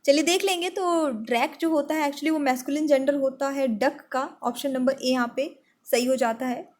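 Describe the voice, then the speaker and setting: High-voiced woman teacher, brisk quizzing. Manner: brisk, quizzing, step-by-step explaining; reads questions out slowly and deliberately. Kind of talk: online exam-prep class.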